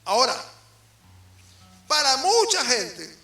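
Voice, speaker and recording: Venezuelan guy preaching, goes loud then soft, asks the church questions, sounds roomy and far off w/ faint music. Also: extremely high pitch, huge pitch swings, slow pace. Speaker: apostle preaching. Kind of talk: sermon.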